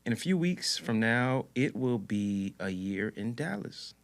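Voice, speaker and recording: A man in his twenties, Haitian-born, co-hosting a podcast in a relaxed, joking way. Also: mid-range voice, measured pace. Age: 20s. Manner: laid-back, joking. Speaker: podcast co-host. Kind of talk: casual chat.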